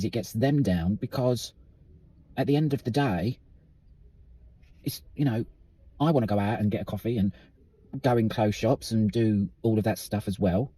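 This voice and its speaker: A man's voice: medium pitch, warm tone, slightly rough. A British man talking candidly in a casual vlog, ranting and swearing freely as he speaks. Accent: British English. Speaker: vlogger.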